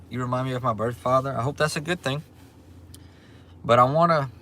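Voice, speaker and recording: A laid-back Louisiana man in his forties reads viewer comments on a casual livestream from a restaurant, repeating himself and saying um frequently. His medium-pitched voice is a bit bright, with faint restaurant ambience and a little hiss or hum.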